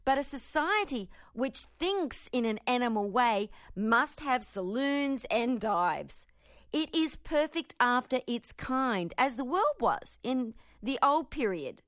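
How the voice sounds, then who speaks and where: An earnest woman with a fairly high voice reads a spiritual text aloud and then comments on it as a teacher. She speaks with steady emphasis. The sound is dry and close. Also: no echo.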